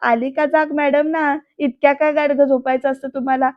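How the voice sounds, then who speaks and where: A woman's voice: high-pitched, flat delivery, normal speed, no room sound, phone-quality sound, natural voice. A woman voicing a brusque, sarcastic young male boss who gives orders. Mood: sarcastic bossy.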